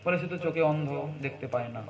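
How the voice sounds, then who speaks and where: A man's voice: fairly high pitch, a little fast. A man giving a devotional sermon, telling stories and singing verses between plain explanation. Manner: storytelling, sings verses and chants. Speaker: preacher. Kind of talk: devotional discourse. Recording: crowd noise in the background.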